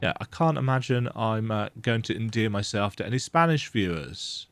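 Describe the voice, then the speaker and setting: A fairly low, expressive male voice with a fairly bright tone, speaking at a moderate pace. This gaming host, a bit under the weather with a cold, chats casually and jokes at his own expense while playing a horror game in a darkened room at home.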